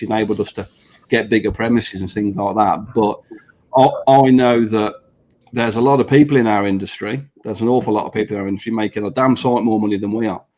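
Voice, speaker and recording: A man's voice: lowish voice, darkish tone, low-quality recording. A man with dental braces slightly affecting his speech, chatting earnestly and swearing freely as he repeats points for emphasis. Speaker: business owner, podcast guest. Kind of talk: casual panel chat.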